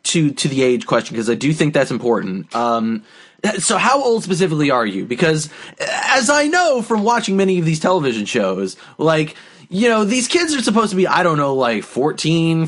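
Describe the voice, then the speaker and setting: A man in his thirties on a comedy podcast, animated and sweary, picking apart the premise with questions. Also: on the high side. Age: 30s. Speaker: podcast co-host. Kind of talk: casual comedy podcast chat.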